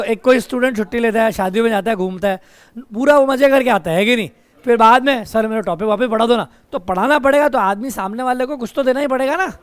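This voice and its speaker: High-voiced teacher teasing his class. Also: clean tone. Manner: teasing, scolding students between explanations. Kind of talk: classroom lecture with banter. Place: classroom with students. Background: students' chatter.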